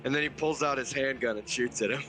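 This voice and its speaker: A man's voice: mid-range voice, fast, bright, forceful tone, soft background music. A man playing a tabletop game, describing his character's actions loosely with laughs. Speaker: player. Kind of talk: casual tabletop play.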